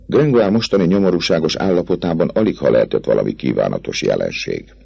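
A man narrating a classic novel as an audiobook, telling the story in a measured, expressive way. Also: extremely low pitch, gravelly, breathy edge, no echo, dull audio.

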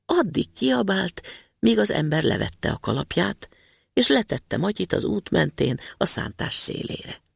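A man narrating a fairy tale in a storybook reading, expressive and lively. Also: sits high, vocal fry, breathy edge, no room sound, clean studio sound.

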